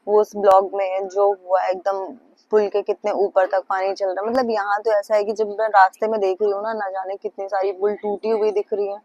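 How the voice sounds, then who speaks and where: A woman's voice: medium pitch, flat delivery, brisk, darkish tone, dry recording, lo-fi sound. A young woman from central India chatting on a casual travel vlog, wistful and talkative, mixing in English words, recorded outdoors on a hand-held phone. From Madhya Pradesh, India. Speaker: vlogger. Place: outdoors on the road.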